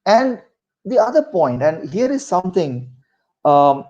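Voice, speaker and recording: Middle aged indian guy, marathi accent, kinda high mellow voice, telling work stories and giving advice. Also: sing-song, measured pace, highs cut off. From Maharashtra, India. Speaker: interview guest, senior corporate executive. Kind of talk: conversational career advice with anecdotes.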